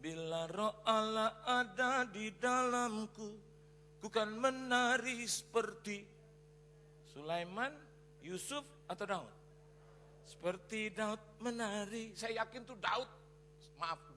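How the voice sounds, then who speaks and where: A man preaching a sermon as a pastor, telling a story in an animated way, acting out quotes and mixing in English phrases. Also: high voice, slow. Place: large church hall. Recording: reverberant church hall with faint noise.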